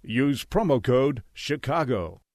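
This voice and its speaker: A man reading a radio commercial in an energetic, persuasive way. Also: medium pitch, slow, dry recording, studio quality. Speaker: ad announcer.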